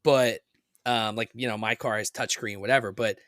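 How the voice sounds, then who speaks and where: A man's voice: lowish voice, moderate pace, dry recording, clean studio sound. A man co-hosting a podcast in casual chat, talking loosely with lots of "like" and "dude". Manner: excited, laid-back, lots of "like" and "dude". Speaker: podcast co-host.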